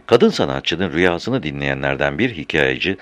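A man reading a story aloud in an animated, expressive way, changing his voice for each character. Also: rumbling low, moderate pace, no echo. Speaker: narrator.

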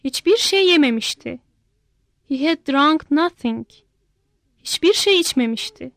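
A woman's voice: high voice, expressive, a little slow, a bit bright, dry recording. A woman reading a simple story aloud in short, plain sentences, each one followed by its translation. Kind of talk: bilingual read-aloud story, each line then its translation.

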